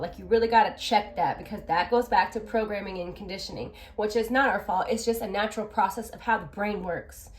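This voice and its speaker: A woman's voice: medium pitch, a little mellow. A woman giving a chatty tarot reading, talking straight to her viewers. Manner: chatty, addresses viewers directly. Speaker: tarot reader.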